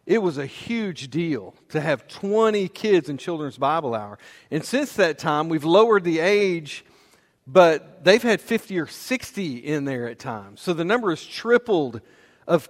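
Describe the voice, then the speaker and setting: A man preaching a sermon in a relaxed, conversational way, often restarting his sentences. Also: fairly high pitch. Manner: conversational, with fillers and repeated restarts. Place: church auditorium. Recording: long hall reverb.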